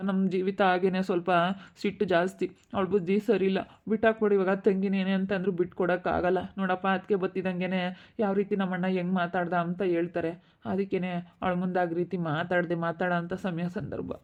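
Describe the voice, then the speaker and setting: A man's voice: sits high, level tone, fast, narrow, tinny audio. Man playing a despairing young husband. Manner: pleading, repeats himself in despair. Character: distressed young husband, despairing over money. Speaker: husband in a family skit. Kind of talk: amateur family drama acting.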